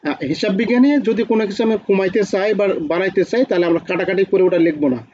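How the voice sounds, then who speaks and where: A man with a high voice and a Bangladeshi Bengali accent lectures quickly in an online class. He keeps asking students questions and repeating key points. The sound is dull and lo-fi, like a computer mic on a video call. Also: over a noisy crowd. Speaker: accounting teacher.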